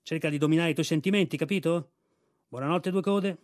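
A man's voice: on the high side, fairly quick, no room sound, clean studio sound, natural voice. A man voicing an old veteran army mule in an audiobook, blunt and bossy. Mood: gruff. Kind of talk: audiobook reading.

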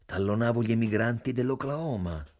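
A man's voice: mid-range voice, fairly quick, a little mellow, lightly acted. A man voicing a sardonic, talkative reporter. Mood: explaining. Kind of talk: audiobook reading.

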